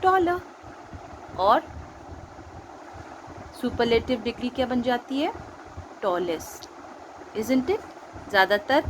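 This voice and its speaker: An Indian woman teacher gives a patient, slow-paced grammar lesson, often quizzing her pupils as she goes. Her voice sits fairly high and rises and falls with lively movement. The recording carries clear background noise with traffic passing by. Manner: patient explaining, quizzing pupils, mixing Hindi and English. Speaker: school teacher.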